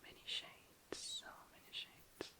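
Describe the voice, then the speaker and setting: A woman who makes ASMR videos whispers breathily and casually close to the microphone, rambling informally and self-deprecatingly while she works. Her delivery is slow with a sharp tone.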